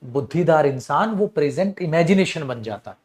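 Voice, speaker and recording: A man with a Hindi accent teaching English grammar in an online class, animated and scolding, calling his students beta. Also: fairly high pitch, moderate pace.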